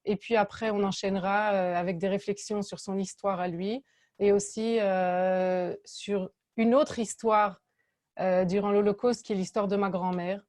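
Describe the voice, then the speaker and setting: A woman's voice: mid-range voice, fairly even intonation, a little slow, darkish tone. A middle-aged woman introducing an event to an audience, hesitant with many fillers and restarts. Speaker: event presenter.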